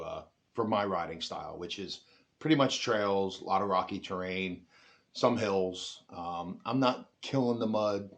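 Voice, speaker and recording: Man, deep register, loose rambling delivery full of fillers and restarts, casual to-camera review. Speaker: ATV owner reviewing a product.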